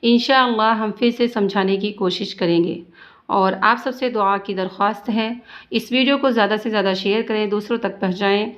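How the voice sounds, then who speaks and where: A woman teaching Quran reading in an echoey room, her voice slightly dulled. She explains the rules patiently, asking questions and answering them herself, and recites each verse slowly before going on. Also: medium pitch, lo-fi sound. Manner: slow drawn-out recitation between patient explanations, checking with "theek hai".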